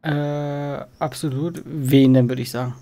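A man's voice: a little high, steady tone, unhurried, mellow. A man in his thirties giving casual Let's Play commentary on a headset, thinking aloud in an easygoing way.

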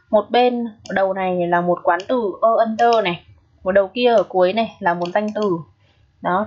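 Husky-voiced woman teaching English grammar. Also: mid-range voice, lo-fi sound. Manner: patient, checks in often with rhetorical questions. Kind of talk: exam review lesson.

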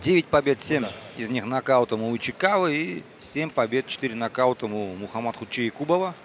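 A man's voice: mid-range voice, lively intonation, fairly quick. A man giving live play-by-play boxing commentary as a commentator. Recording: loud crowd noise over commentary.

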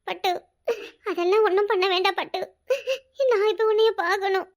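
A woman doing a shrill grumbling village wife. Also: fairly even intonation, normal speed. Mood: tearful. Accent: Tirunelveli Tamil. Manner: grumbling, scolding. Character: shrill village wife, fretful and sharp-tongued. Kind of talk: cartoon voice acting.

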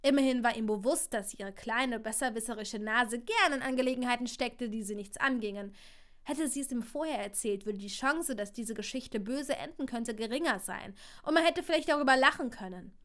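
A woman reading a story aloud on a livestream, expressive, with frequent small slips and corrections. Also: on the high side, moderate pace. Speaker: channel host reading aloud.

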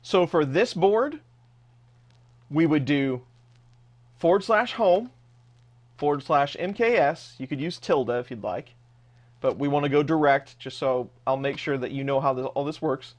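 A man's voice: on the high side, animated, measured pace, pauses often, lo-fi sound. A man narrating a screen-recorded tech tutorial step by step in a casual, plain way. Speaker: host of a 3D printing tech channel.

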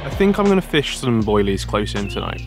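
A man's voice: lowish voice, sing-song, fairly quick, gravelly. A young man vlogging outdoors by a lake, talking casually to a handheld camera with wry, self-deprecating asides. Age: young adult. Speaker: fishing vlogger. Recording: music bed underneath.

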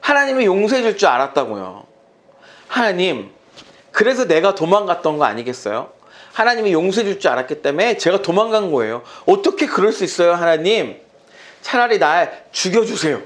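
A pastor putting on a whiny, exasperated prophet. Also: male voice, high voice, very animated, a little fast, a bit bright. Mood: exasperated pleading. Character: petulant complaining adult male prophet. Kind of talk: sermon storytelling.

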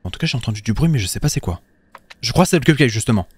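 A man hosting a horror game let's play, excitable, swearing and laughing, yelping when frightened. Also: medium pitch, racing, background noise. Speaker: gaming video host.

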